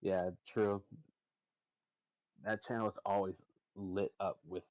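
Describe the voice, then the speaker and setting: A man's voice: low-pitched, flat delivery, slow pace, darkish tone, muffled recording. A young man hosting a game stream, chatting casually and rambling with many fillers.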